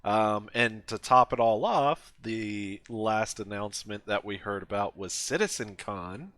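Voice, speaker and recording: A man co-hosting a casual gaming podcast, talking in a relaxed, rambling way with many fillers. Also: fairly low pitch, a little slow, no echo. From USA. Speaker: podcast co-host.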